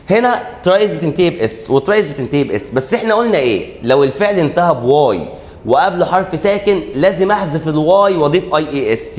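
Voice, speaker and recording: A man with an Egyptian Arabic accent teaching an exam-prep English grammar lesson, animated, posing students' questions and answering them himself, drawing out key letters slowly. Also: a little high. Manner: animated, asks and answers his own questions.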